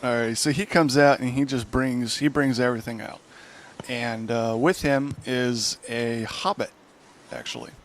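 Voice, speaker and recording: A man's voice: mid-range voice, steady tone, measured pace. A man narrating a tabletop game as game master, rambling and correcting himself often.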